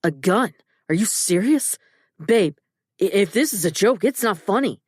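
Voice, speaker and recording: A woman's voice: medium pitch, lively intonation, a little slow, darkish tone, husky, no echo, studio quality. A woman reading the part of a casual grown man, a husband who grows rattled and disbelieving on a call. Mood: alarmed. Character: breezy grown man, a restaurant-owner husband.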